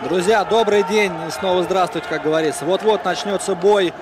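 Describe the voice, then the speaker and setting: A man's voice: high-pitched, fairly quick. A man giving conversational live sports commentary as a boxing co-commentator. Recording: loud crowd noise behind commentary. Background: loud arena crowd.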